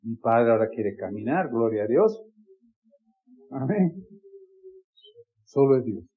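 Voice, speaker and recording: A man's voice: medium pitch, sing-song, slow pace, narrow, tinny audio, soft background music. A man preaching a sermon in an earnest, pleading manner, with many repetitions.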